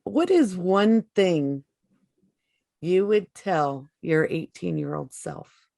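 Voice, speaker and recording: A woman podcast host speaks with a very low voice at an unhurried pace. She is gentle and affirming with her guest, and her voice sounds dry and close. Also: animated, creaky, no echo. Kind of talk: interview hosting.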